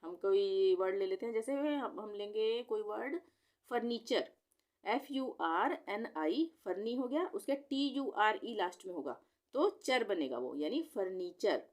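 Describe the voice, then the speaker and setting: A woman's voice: mid-range voice, animated, a little slow, darkish tone. A woman teacher patiently sounding out long words letter by letter in a spelling lesson.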